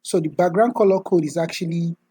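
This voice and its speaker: A man talking through a screen-recorded software tutorial step by step, in a methodical way. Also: on the high side, fairly quick, husky, no room sound, poor audio. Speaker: tutorial instructor.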